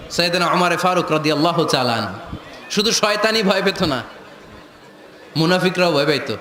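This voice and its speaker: A man preaching a sermon to a live gathering, animated, shouting at times and joking with the crowd. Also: high voice. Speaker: Islamic preacher. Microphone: handheld or stand mic over a PA. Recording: echoey PA sound with crowd.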